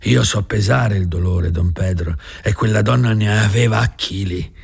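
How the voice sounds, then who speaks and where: A man's voice: fairly low pitch, moderate pace, creaky, breathy edge, full character voice. A man reading an audiobook voices a worried older ranch foreman who frets and sighs. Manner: worried, sighing.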